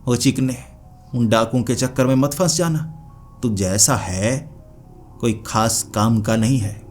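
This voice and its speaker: A mocking female witch who haunts a tree taunts and bargains in this spoken horror tale, voiced by a man. She sneers and turns sly, while soft music plays underneath. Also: mid-range voice, unhurried, lightly acted. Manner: taunting, then pleading and sly.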